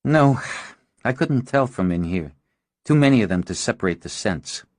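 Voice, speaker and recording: A man's voice: medium pitch, animated, moderate pace, darkish tone, no echo, lightly acted. A man voicing a dry, sardonic male vampire in an audiobook.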